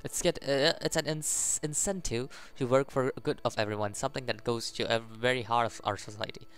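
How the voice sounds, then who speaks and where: A man's voice: medium pitch, fairly even intonation, a little fast, a bit bright, clean tone. A man hosting a gaming video, reading story text aloud with stumbles and adding reactive commentary, faint music behind. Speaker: gaming channel host. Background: faint game music.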